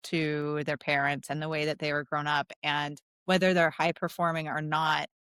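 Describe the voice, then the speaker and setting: Low-voiced, affirming woman host. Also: flat delivery, moderate pace, fairly bright tone, clean tone, no echo, clean studio sound. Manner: affirming, enthusiastic. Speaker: podcast host and coach. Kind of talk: conversational interview.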